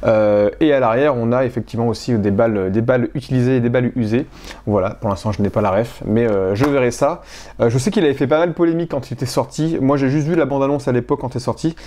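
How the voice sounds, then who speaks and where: French guy rambling about his collection, lots of ums and restarts, mellow voice. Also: medium pitch, fast. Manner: hesitant, many fillers and restarts. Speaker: collector showing his purchases. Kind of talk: casual unboxing vlog.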